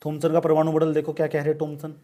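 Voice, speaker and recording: Joking male teacher, slightly high voice. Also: completely flat delivery, fast, dark tone. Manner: joking, keeps checking that students understand. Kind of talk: classroom lecture. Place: classroom with students.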